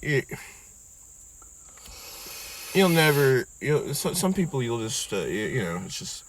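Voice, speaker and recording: A man in his twenties in a casual, profane, joking chat who often trails off softly. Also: medium pitch, sing-song, slow pace, slight background noise. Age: 20s.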